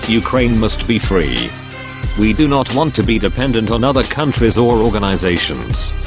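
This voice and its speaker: Man in a disguised, deep-pitched voice. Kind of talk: scripted statement read aloud. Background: music playing underneath.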